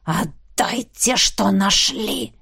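A woman voicing a snarling undead male ghoul who growls slow threats. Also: medium pitch, dry recording, studio quality. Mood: hissing.

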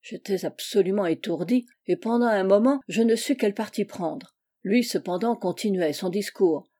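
Audiobook narrator: woman, steady and expressive, soft dark tone. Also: medium pitch, moderate pace. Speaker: reader.

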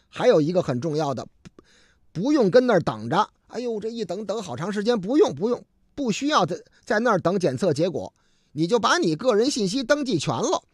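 A male radio host chats and tells a story, his voice high and animated, with loose, colloquial asides throughout. The sound is dry and close, with no room echo. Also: slightly rough. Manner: colloquial, lots of fillers and asides. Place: radio studio.

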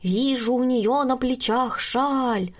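A woman voicing a young girl who pretends to be a solemn fortune teller, speaking slowly and mysteriously. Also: sits high, voice pushed up. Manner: slow, drawn-out, mysterious.

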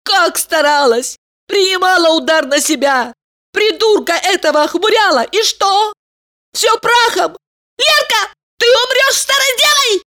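A woman's voice: very animated, normal speed, a bit bright. A woman voicing a bossy, scheming young woman who scolds and shrieks at her friend. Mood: scolding, shrill. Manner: shrill, scolding, sarcastic.

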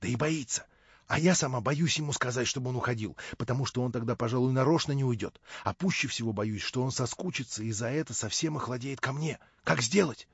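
A man's voice: medium pitch, fairly quick, slightly rough, dry recording. A man reading an audiobook, voicing an anxious, fretful young woman who pleads urgently. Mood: worried whisper. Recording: dull, dry lo-fi recording.

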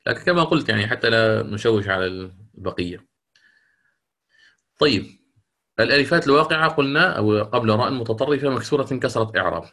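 A man's voice: mid-range voice, a bit bright. A man teaching Quran recitation rules in a lecture, explaining step by step, asking his students questions and chanting the verses he quotes.

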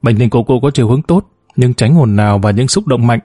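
A man reading the lines of a calm, professional woman doctor in a polite, matter-of-fact way. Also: medium pitch, fast, breathy edge, no echo, studio quality.

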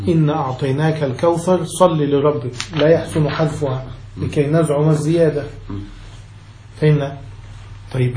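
A sheikh gives a classical grammar lesson, patiently working through each point and checking that his listeners follow. His voice sits a little high but sounds mellow and dark. The room around him echoes. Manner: explains step by step, keeps asking his students whether they follow. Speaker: sheikh teaching Arabic grammar.

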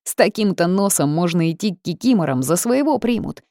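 Woman narrator, low voice, gravelly, dark tone, dry close mic. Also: brisk, dry recording. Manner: lively storytelling, wry asides. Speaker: audiobook narrator. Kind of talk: first-person audiobook narration.

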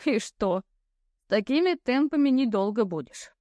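Audiobook: woman voicing old ghost fortune teller, slow mocking drawl, highish, dry. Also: lively intonation, mellow, no echo. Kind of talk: audiobook character voice.

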